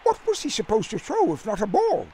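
A man reads a fussy gentleman in a storybook, a refined pitched well above the narration. He asks polite, baffled questions in a gravelly, slightly husky voice. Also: huge pitch swings, brisk, full character voice. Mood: bewildered, polite. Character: prim, puzzled British gentleman new to baseball.

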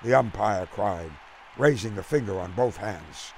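A man narrating a story in an unhurried, expressive reading. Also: lowish voice, gravelly, slightly rough.

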